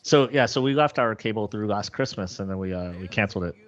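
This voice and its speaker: A man co-hosting a podcast in casual chat, relaxed with dry humor. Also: lowish voice, quick pace. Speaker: podcast co-host. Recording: dull lo-fi mic.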